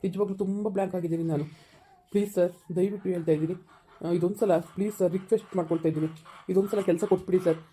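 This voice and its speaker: A woman's voice: on the low side, steady tone, very fast, dark tone, husky. Woman playing a pleading young man who lost his job. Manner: pleading, stammering. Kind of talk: village skit acting.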